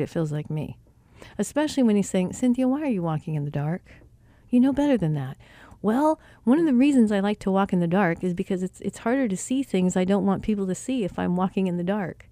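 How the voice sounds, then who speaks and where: An earnest woman gives a reflective spiritual talk and retells scripture in her own words. Her voice is mellow and dark-toned. The recording is dry and close, with no room sound. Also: mid-range voice, animated, brisk, no room sound.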